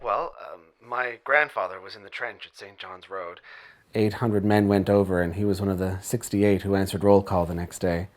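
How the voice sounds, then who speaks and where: Actor playing a radio caller, measured, reflective, low-ish pitch. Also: male voice, steady tone, close to an everyday voice. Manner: measured, reflective, rising to indignation. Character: thoughtful grown man calling in, solemn about war history.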